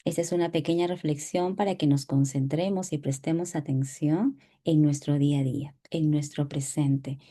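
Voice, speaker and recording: Book club host lady, low mellow voice, slow and gentle. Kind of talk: live reflective reading talk.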